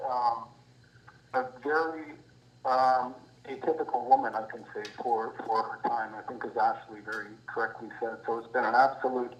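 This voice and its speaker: A man calling in over a speakerphone to give a halting spoken tribute at a memorial. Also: medium pitch. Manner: halting, with many fillers and restarts. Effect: heard over a speakerphone. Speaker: family member calling in to a memorial. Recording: lo-fi echoey speakerphone audio.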